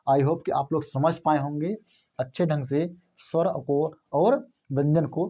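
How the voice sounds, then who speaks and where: A man's voice: on the high side, steady tone, measured pace, warm tone. A male Hindi teacher giving an explanatory lesson, repeating his points and asking himself rhetorical questions.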